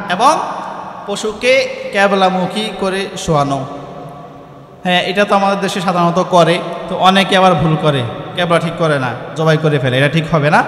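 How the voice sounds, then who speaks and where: Man, sermon, rhetorical questions to listeners, chanted supplications, sharp voice, roomy echo. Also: sits high. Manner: asks listeners questions and answers them; recites Arabic supplications in a chant. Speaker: preacher.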